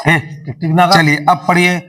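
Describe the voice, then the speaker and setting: A man's voice: on the high side, level tone, pushed and bright, low-quality recording. A male teacher giving a reading lesson to children, asking questions back and drawing out each syllable when he models it. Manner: repetitive call-and-response drilling. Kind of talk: classroom lesson.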